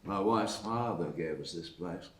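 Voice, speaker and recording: In an echoey theatre, heard from a distance on stage, a male actor with a deep voice reads an older widowed farmer at a live table read. He sounds gentle, calm and protective, delivering his lines slowly and steadily.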